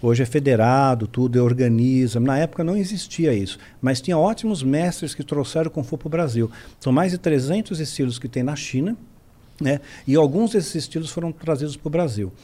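A man, a podcast guest telling a story in a lively way. He acts out the dialogue and tags nearly every sentence with a quick question. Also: mid-range voice. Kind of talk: storytelling in a casual podcast chat.

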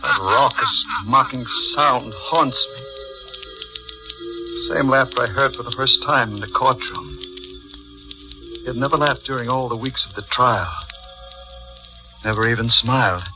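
An actor playing a stern, pompous judge who also narrates, in 1940s radio acting. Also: male voice, medium pitch, unhurried, long pauses, over music, natural voice, low-quality recording. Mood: brooding. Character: stern, pompous middle-aged male judge.

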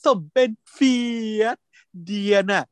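A man voicing a doting middle-aged mother from a TV drama, in a shrill, affected, sing-song way. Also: slow, no echo, natural voice. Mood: gushing.

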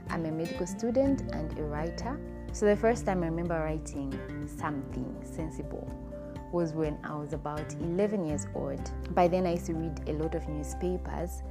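Woman, 20s, podcast host, low voice, earnest, music behind. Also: normal speed. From Zambia. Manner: earnest and upbeat. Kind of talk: solo podcast monologue.

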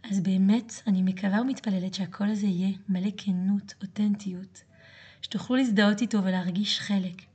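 Woman, French accent, husky and slightly raspy, medium pitch, earnest, intimate reflective podcast monologue, soft phrase endings. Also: steady tone. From France. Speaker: podcast host.

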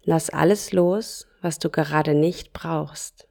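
Guiding a yoga nidra meditation, a woman speaks softly and calmly in a fairly low voice touched with vocal fry. Her short phrases come very slowly, with long pauses in between.

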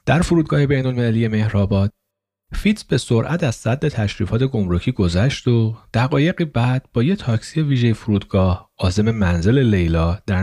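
A man reading a novel aloud in a measured, storytelling style as a podcast narrator. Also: on the low side, mellow, no echo, clean studio sound. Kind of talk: scripted audiobook narration.

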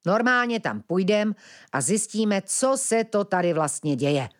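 A woman voicing a calm, thoughtful male animal companion with a measured, reasonable manner. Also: mid-range voice, pitched above the performer's own voice, lightly acted. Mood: reasoning.

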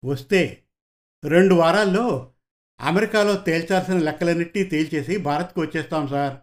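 A man's voice: on the high side, normal speed, natural voice. A man voicing a meek young male detective's assistant, speaking in a pleading, plaintive way.

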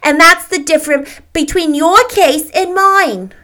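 A woman voicing a brash, scornful married woman in a storybook reading, loud, emphatic and incredulous. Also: very high voice, a little slow, voice pushed up, heavily acted. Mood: insistent.

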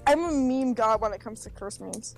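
A woman's voice: on the high side, moderate pace, soft background music. A woman in a casual podcast chat with friends, giggly and teasing, with the hiccups. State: has the hiccups.

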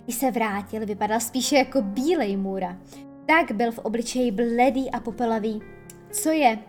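Woman reading a kids story aloud, expressive, fairly high voice. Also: faint music behind. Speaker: narrator. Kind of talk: audiobook reading.

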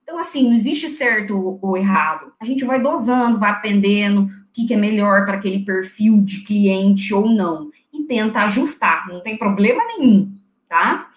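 A woman trainer who talks loudly and teaches office phone manners, acting out short phone exchanges as she goes. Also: mid-range voice, moderate pace, roomy sound. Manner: loud, didactic, acts out phone dialogue. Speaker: secretarial trainer. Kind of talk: instructional interview answers.

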